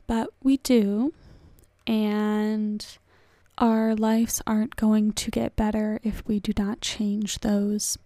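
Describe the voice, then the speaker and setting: A woman hosting her own solo podcast, speaking calmly and in an unhurried, self-aware way. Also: a little high, dry recording. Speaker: podcast host.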